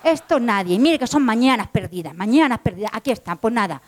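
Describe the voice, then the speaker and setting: A woman tells a story to a live audience in a high, bright voice. She is lively and dramatic, turning to her listeners as she goes. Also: fairly quick, a little hiss or hum, poor audio.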